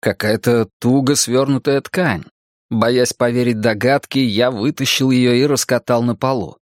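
Male narrator, mid pitch, dramatic first-person storytelling, very dry studio-like sound. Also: steady tone, a little slow, dry recording. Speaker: audiobook narrator.

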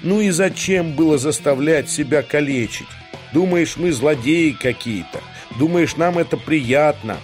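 A man's voice: a little high, a little slow, soft background music, natural voice. A man voicing a proud, reproachful male policeman who lectures his captive in an audiobook. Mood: scolding. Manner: lecturing, scolding.

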